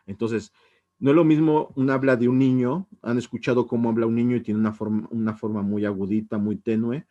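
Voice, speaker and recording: A man's voice: medium pitch, steady tone, a little fast, highs cut off. Hesitant man giving a lecture. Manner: hesitant, many restarts and tag questions. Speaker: linguistics teacher. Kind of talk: informal recorded lecture.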